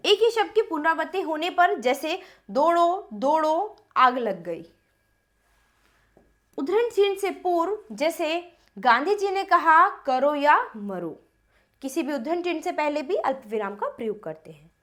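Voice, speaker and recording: A woman teaching a grammar lesson to children, reading examples slowly and asking the class questions. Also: sits high.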